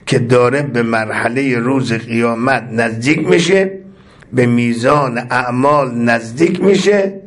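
A man of ordinary, mid-range pitch delivers a religious sermon. He builds intensity through rhythmic repetition and recites prayer phrases between his explanations. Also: creaky. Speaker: preacher.

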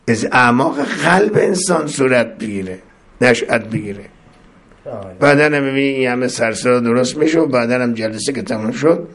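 A man preaching a sermon as a cleric, moving between loud emphatic rises and soft low passages and intoning Arabic prayers before explaining them. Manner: chants Arabic supplications then translates them.

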